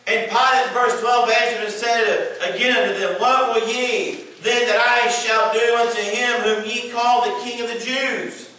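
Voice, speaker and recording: A man preaching a sermon, reading Bible verses aloud and building to shouted emphasis. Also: extremely high pitch, flat delivery, a little slow, few pauses, heavy reverb, recorded from a distance, low-quality recording.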